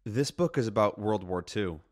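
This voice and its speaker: A man reading single words and example sentences in a careful, even way for a study deck. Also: lowish voice, unhurried. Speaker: recorded example-sentence reader.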